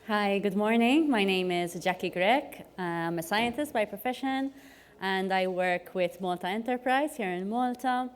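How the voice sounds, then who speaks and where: A woman's voice: mid-range voice, unhurried. A woman speaking on a conference panel in a chatty way, often with "you know" and fillers.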